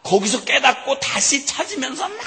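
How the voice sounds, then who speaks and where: Lively high-voiced male preacher. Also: moderate pace. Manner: animated storytelling, acting out scenes, chuckling. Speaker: missionary preacher. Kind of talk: sermon. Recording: long hall reverb.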